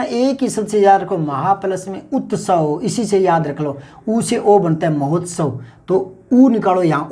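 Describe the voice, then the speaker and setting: A man's voice: sits high, dark tone. A man teaching a grammar lesson, explaining patiently and repeating key words aloud to drill them. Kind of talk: classroom-style grammar lesson.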